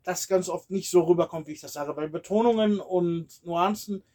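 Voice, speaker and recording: A man from Germany co-hosting a podcast in casual chat, explaining earnestly and trailing off quietly at the ends of his sentences. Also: high-pitched, normal speed. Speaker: podcast co-host.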